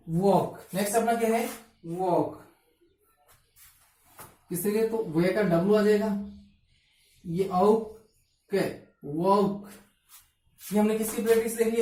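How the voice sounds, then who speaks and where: A woman teacher gives a phonetics lesson in a mellow tone, asking a question and then answering it herself. She sounds a little distant from the mic, in a strongly echoing room. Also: medium pitch, a little slow, long pauses. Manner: asks questions and answers them herself, spells letters out. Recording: echoey room, from far off.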